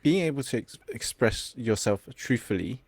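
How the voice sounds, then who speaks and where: A young man from England, whose first language is Cantonese, appears as a podcast guest and confidence coach. His medium-pitched voice is expressive, at normal speed with no echo, and he speaks reflectively, sometimes searching for words.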